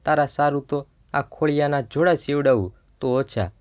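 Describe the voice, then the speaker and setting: A man's voice: fairly high pitch, moderate pace, close to an everyday voice. A man telling a story, voicing a fierce old village mother who pleads in a pained, trembling way. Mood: anguished. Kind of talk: storytelling narration.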